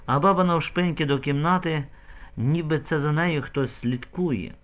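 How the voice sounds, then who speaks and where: A man narrating an audiobook in an expressive, emotional storytelling manner. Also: a little high, normal speed.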